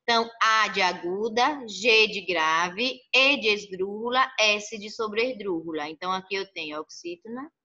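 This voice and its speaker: Bright-voiced woman teaching a class. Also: mid-range voice, moderate pace, hardly any pauses. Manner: explanatory, checks in with frequent "tá?". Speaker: Spanish teacher. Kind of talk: recorded online class. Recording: muffled lo-fi audio.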